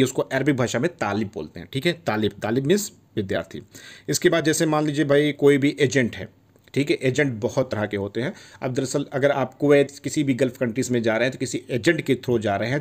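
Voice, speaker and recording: A man's voice: mid-range voice, a little mellow. Man teaching words, repeating each one. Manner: repeats each word, checks in with "theek hai". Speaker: language teacher. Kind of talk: casual video lesson.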